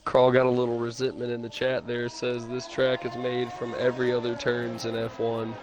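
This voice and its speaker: A man doing relaxed live commentary on a sim racing stream, chatting and reading chat messages aloud. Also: mid-range voice, moderate pace. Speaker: race commentator. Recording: stream audio with clear background noise.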